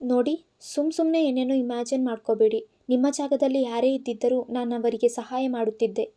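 A woman voicing a young female assistant, anxious and defiant, who speaks in rapid pleading bursts in a storybook reading. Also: a little high, steady tone, mellow, lightly acted.

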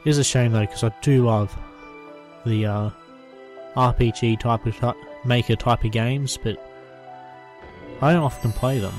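A man's voice: mid-range voice, steady tone, measured pace, pauses often, a little mellow, faint music behind. A man giving casual, rambling gameplay commentary and reading on-screen text aloud. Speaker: gameplay reviewer.

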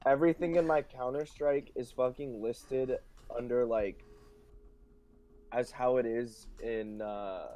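A man's voice: mid-range voice, fairly even intonation, slow, mellow. A man chatting casually while playing a game with friends, rambling and swearing as he explains a glitch. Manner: rambling, swearing, laughing often. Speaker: gamer streaming with friends. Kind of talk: casual gaming chat. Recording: faint music behind, muffled mic.

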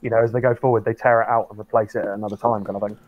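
A man's voice: on the low side, little pitch movement, rapid-fire, phone-quality sound. A man chatting casually in a joking, exaggerating way. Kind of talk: casual chat.

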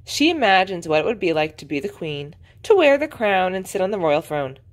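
A woman preschool teacher reading a picture book aloud to young children in an expressive, sing-song way. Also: fairly low pitch, a little fast. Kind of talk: storybook read-aloud.

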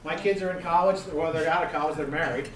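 Middle-aged man, instructor, a bit higher-pitched than most, quizzes listeners and hammers points home; echoey room, distant mic. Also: quick pace, slight background noise. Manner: quizzing the audience, emphatic repetition. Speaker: gliding safety instructor. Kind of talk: interactive seminar lecture. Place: seminar room.

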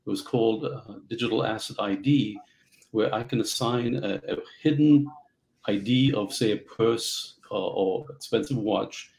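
A middle-aged man from Central Africa, telling his story as a guest on a video call, halting with many fillers. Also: lowish voice, creaky, a little mellow, poor audio. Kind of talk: casual interview storytelling. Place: home office.

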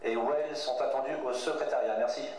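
A man making formal, measured announcements over a venue loudspeaker at a competition, repeating names and results. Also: mid-range voice, steady tone, slight background noise. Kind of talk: public-address announcements. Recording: echoey loudspeaker from far off, crowd.

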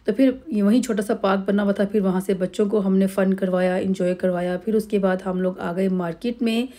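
The narration for this family holiday vlog comes from a middle-aged Pakistani woman whose voice sits at a medium pitch. She rambles casually over the footage, with frequent pauses and plenty of fillers.

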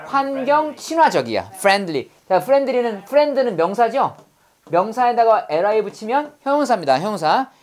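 A woman's voice: a little high, sing-song, a little slow, darkish tone. A woman teaching English vocabulary in class, drilling students with call-and-repeat prompts and playful memory tricks.

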